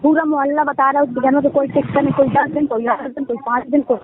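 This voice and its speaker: A woman's voice: high voice, level tone, quick pace, slight background noise. A middle-aged woman on a phone call, complaining at length in an agitated, repetitive way. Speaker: domestic worker complaining by phone. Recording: tinny phone line.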